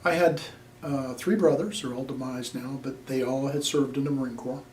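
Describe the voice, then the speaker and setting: A man's voice: mid-range voice, fairly even intonation, moderate pace, darkish tone. An older man from Nebraska, speaking plainly with many fillers in an oral history interview. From Nebraska, USA. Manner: plainspoken, rambling with frequent fillers. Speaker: veteran being interviewed. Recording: echoey room, distant mic, faint noise.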